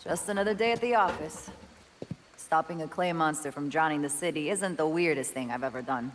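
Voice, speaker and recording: A woman's voice: low-pitched, fairly quick, natural voice. A woman playing a grudging, exasperated police officer in a video game, dry and wearily sarcastic. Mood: weary sarcasm. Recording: long reverb, background noise.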